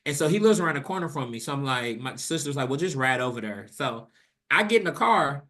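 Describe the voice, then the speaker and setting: A young man co-hosting a podcast, telling a story in casual, profane chat and acting out the quotes with a rising voice. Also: fast talker. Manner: animated, profane, acts out quotes with rising pitch. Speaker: podcast co-host.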